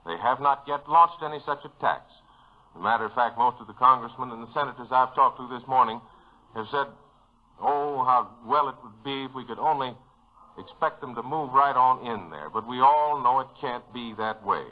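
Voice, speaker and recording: A man reporting live radio news in an earnest, measured way, heard through an old 1940s radio broadcast. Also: medium pitch, phone-quality sound. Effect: old 1940s radio broadcast sound.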